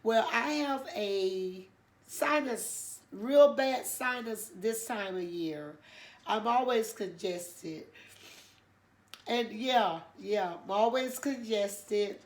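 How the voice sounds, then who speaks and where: An older woman chats casually on her own channel, telling a story about church. Her medium-pitched voice sounds nasal and congested, and she draws out her words as she rambles along with plenty of fillers.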